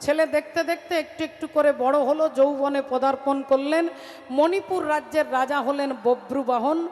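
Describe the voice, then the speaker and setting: A woman's voice: sits high, fairly even intonation, moderate pace, a little mellow. A woman telling a devotional story in kirtan style, dramatic and acting out the characters. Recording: reverberant hall with music.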